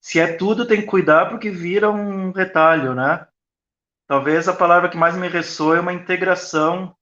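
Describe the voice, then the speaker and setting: A man speaks in a thoughtful, explanatory way as an interview guest, pausing often as he works through his answers. His voice sits a little high. The sound is roomy and echoing, and the audio is dull and lo-fi, like a video call. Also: pushed and bright. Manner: reflective, explanatory, with frequent pauses. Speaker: school founder, interview guest.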